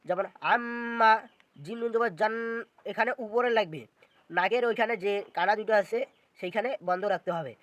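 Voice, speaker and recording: A man's voice: high voice, fairly quick, no echo. A man teaching Quran reading, spelling out letters and syllables one by one and repeating them in a patient lesson. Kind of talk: slow step-by-step recitation lesson.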